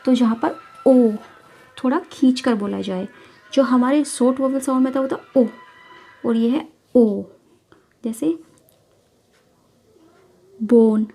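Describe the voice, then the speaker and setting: A young woman teaching English phonics in a slow, careful way, repeating each example word. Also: on the high side, dark tone. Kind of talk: phonics lesson in Hindi-English mix.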